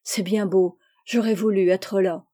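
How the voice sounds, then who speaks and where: A woman's voice: mid-range voice, fairly even intonation, unhurried, warm tone, close to an everyday voice. A woman reading the part of a naive, impulsive young Native girl, speaking in an eager, childlike way. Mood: artless.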